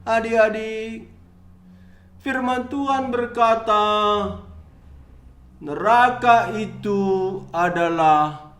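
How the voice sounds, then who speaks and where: A man's voice: very high-pitched, slow, a bit bright. A man telling a Bible story to children, emphatic and questioning his listeners, in an echoey room.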